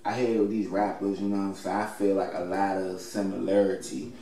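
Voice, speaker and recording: Deep-voiced man with a DC accent. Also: level tone, brisk, warm tone. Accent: Washington DC area. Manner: slangy, with "you know what I'm saying" as a constant verbal tic. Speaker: interviewed rapper. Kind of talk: casual interview chat. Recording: echoey room, distant mic, faint noise.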